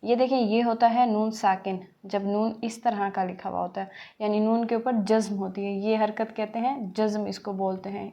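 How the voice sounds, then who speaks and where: A woman's voice: mid-range voice, mellow. Patient woman teaching Quran reading. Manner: patient, repeats key points, asks and answers own questions. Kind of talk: recorded tajweed lecture.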